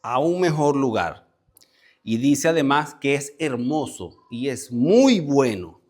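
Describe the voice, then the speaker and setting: A male preacher gives a conversational Bible lesson to a gathered congregation. He walks through word meanings one step at a time, calls on listeners by name and repeats key words for emphasis. His voice sits at an ordinary middle pitch. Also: very animated, slow pace, darkish tone. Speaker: preacher leading a Bible study. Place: church meeting with a congregation present.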